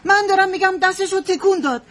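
A woman's voice: very high-pitched, lively intonation. A woman playing a distraught elderly mother. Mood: agitated. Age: older. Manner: insistent, distraught, repeating herself. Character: anxious elderly mother clinging to hope for husband. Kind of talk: radio drama acting.

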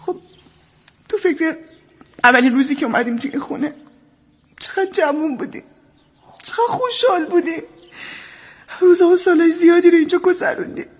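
A woman's voice: extremely high pitch, pauses often. A wistful middle-aged mother. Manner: wistful, tearful. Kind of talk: radio drama acting. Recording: long hall reverb.

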